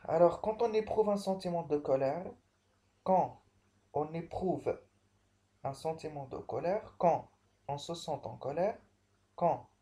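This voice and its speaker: Slow, mellow-voiced French teacher. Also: male voice, fairly high pitch. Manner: slow, repetitive explaining with many restarts. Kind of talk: remote language lesson.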